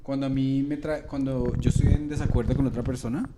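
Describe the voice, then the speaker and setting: A man's voice: medium pitch, level tone, fairly quick, very noisy. A young man with a Colombian accent, hosting a comedy podcast and telling rambling stories with many restarts and casual swearing. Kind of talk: casual conversation, storytelling.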